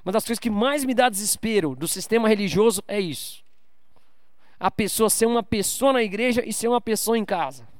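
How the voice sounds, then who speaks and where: A pastor with a high, expressive voice talks a little fast as he gives a casual sermon at a church service. He keeps it informal, joking with the congregation and calling out for amens. The recording is dry and studio quality.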